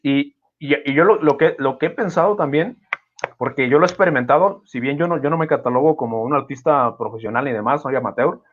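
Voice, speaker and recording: A man's voice: medium pitch, fairly quick, a little hiss or hum. Reflective man on dull lo-fi audio. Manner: reflective, many fillers and restarts. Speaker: podcast host. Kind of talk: casual conversation.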